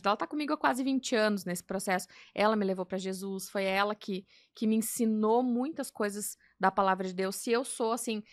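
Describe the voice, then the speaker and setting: A Brazilian woman guest telling her faith story in casual chat, acting out quoted dialogue with animated delivery. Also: mid-range voice, no echo, clean studio sound. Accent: Brazilian Portuguese. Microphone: podcast mic.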